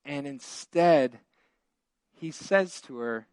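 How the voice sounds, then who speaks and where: A pastor delivers a relaxed, conversational sermon in a fairly high voice, stumbling over restarts and fillers before pressing into fervent emphasis. The sound is dry and close, with almost no room echo. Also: male voice, slow pace, clean tone. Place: church.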